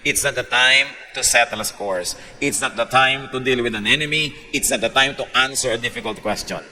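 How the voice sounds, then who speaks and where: A man preaching a sermon, mixing Tagalog and English and telling stories with lively emphasis. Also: mid-range voice, normal speed, a little hiss or hum, rough recording.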